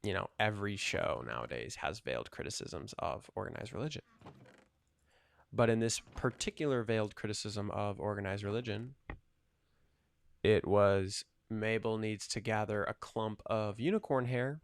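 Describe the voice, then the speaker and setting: A man's voice: fairly low pitch, moderate pace, creaky. A man in his twenties rambling casually while playing a video game, thinking aloud with lots of fillers. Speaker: gaming channel host.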